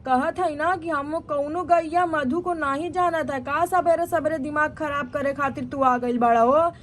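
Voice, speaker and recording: A woman's voice: high voice, steady tone, unhurried, a little hiss or hum. Woman doing an indignant village neighbor. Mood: defensive. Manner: defensive, indignant protesting. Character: rustic village woman accused of theft.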